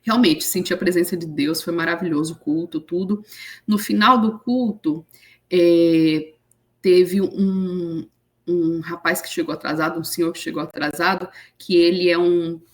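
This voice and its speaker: A woman, an interview guest telling an emotional story with lively quoted voices. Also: on the low side, measured pace. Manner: animated retelling with acted quotes.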